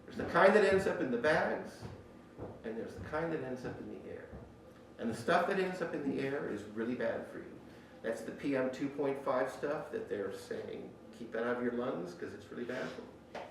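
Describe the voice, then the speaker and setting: Through a slightly muffling face mask, an instructor explains the rules and equipment of an indoor woodworking shop in an informal, emphatic orientation. He speaks plainly at a moderate pace, medium-pitched and animated with vocal fry. The distant mic yields a very echoey sound with faint noise.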